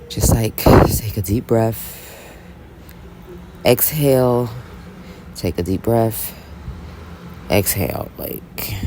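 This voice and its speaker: A woman's voice: extremely low pitch, vocal fry, noisy background. A woman casually telling a story as a vlogger, chatty and blunt, often checking in with "right?". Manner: chatty, animated, constantly asks "right?"; blunt and unapologetic. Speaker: Bible reading vlogger.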